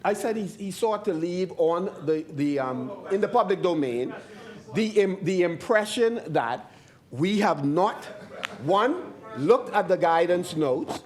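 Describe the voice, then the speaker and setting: Bahamian mp, man w/ a really high voice, halting, keeps pushing his point in debate. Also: expressive. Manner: persistent, halting delivery. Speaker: member of parliament. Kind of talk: parliamentary debate. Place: parliament chamber.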